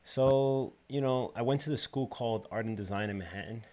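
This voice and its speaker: A man's voice: mid-range voice, fairly quick, darkish tone, slight background noise. A man from the Dominican Republic, a barber and shop owner, telling his story in an easygoing way, loose with you know and uh. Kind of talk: casual interview.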